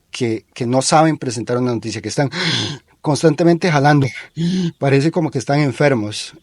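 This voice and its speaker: A man with a Costa Rican accent hosting a talk show, giving critical opinions in an analytical way and pausing often with fillers. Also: medium pitch, a little mellow, no echo. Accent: Costa Rican Spanish. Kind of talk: critical discussion.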